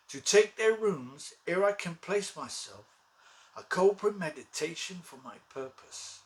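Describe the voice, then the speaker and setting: Guy acting a bitter scheming duke, pretty high male voice, big theatrical shakespeare speech. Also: a bit bright, rough recording. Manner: theatrical, declamatory, archaic phrasing. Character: bitter, scheming, ambitious deformed Duke of Gloucester. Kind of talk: Shakespearean stage soliloquy.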